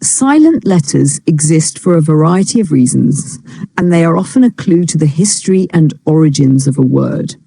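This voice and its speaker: A teacher reads a textbook lesson at a very slow, deliberate pace. The voice is mellow and dark with a gravelly edge. The sound is dry and close. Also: medium pitch, animated, dry recording. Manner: reads each English phrase, then gives its meaning. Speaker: English teacher. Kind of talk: reading a textbook lesson with translation.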